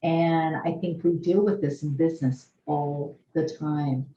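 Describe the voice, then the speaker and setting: A woman host with a low, mellow voice, reflecting in an affirming way on her guest's words. She sounds as if she is in an echoey room on a video call, with slightly dull sound and a faint hiss behind her. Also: steady tone, a little slow. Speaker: podcast host. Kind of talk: interview conversation.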